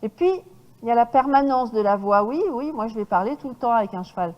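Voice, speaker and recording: Lively woman lecturing with a high voice. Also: quick pace, long reverb tail, muffled recording. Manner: lively and demonstrative, often checks in with the audience. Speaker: horse trainer giving a talk. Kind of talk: lecture to an audience.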